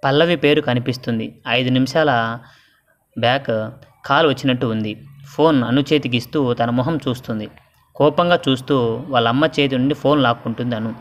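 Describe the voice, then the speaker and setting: A man telling a family story aloud as an audiobook storyteller, voicing every character himself. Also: fairly quick. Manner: reads every character himself, pitching up for the women and girls. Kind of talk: audiobook story narration with voiced dialogue.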